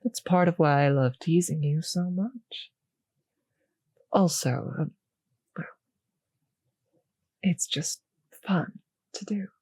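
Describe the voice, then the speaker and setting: Playing a teasing, possessive vampire mistress for an intimate audio drama, this woman talks slowly and with condescension. Her breathy voice sits on the low side, is a little mellow, and frequently sinks into a whisper, with no echo.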